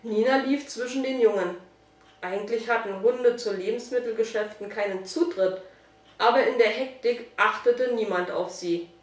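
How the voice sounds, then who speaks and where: A woman reads a children's story aloud at a steady, even pace. Her voice sits fairly high. The room rings, and she is some distance from the mic. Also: moderate pace, reverberant. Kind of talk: storybook read-aloud narration.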